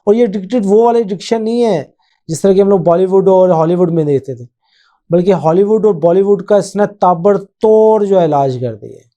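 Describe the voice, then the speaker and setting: A man's voice: high voice, dark tone. A man hosting his own channel, talking through a topic in casual spoken commentary, rambling with frequent hesitations and English phrases mixed in. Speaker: channel host.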